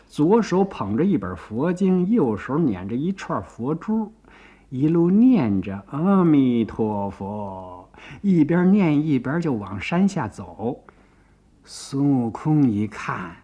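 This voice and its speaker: A man telling a classic tale with dramatic, lively delivery. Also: mid-range voice, breathy edge. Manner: lively, dramatic, slow-paced. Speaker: storyteller.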